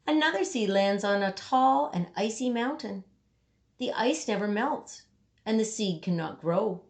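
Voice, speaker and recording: A woman reading a children's picture book aloud, with dramatic emphasis and deliberate pauses for young listeners. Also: mid-range voice, lively intonation. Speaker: storybook reader.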